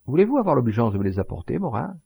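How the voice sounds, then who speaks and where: A man's voice: mid-range voice, very animated, racing, vocal fry, warm tone, husky, no echo, exaggerated voice. A man reading the part of an amused, courteous aristocratic count in an audiobook, with a polite, commanding manner.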